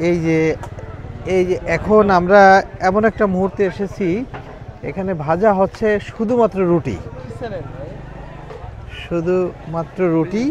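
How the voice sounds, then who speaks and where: A man with a high voice presents as a roving vlog host out in a market. He chats casually, puts simple questions to people and echoes their replies back to check them. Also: unhurried, pauses often, darkish tone, highs cut off. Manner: repeats answers back as questions. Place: outdoors at a busy village market.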